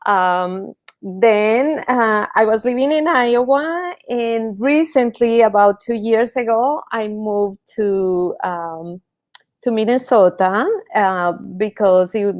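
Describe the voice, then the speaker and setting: A woman from Colombia speaks English with a Colombian accent, Spanish being her first language. She talks slowly and hesitantly, with many fillers. She is introducing herself on a video call. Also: fairly high pitch. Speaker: panel moderator. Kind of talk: casual introduction.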